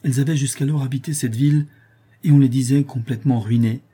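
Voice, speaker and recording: A man narrating an audiobook in a steady, measured way. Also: medium pitch, slightly rough.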